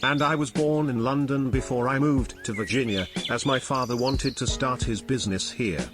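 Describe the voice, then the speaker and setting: A man voicing a blunt young student in an animated cartoon. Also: medium pitch, moderate pace, over music, lightly acted.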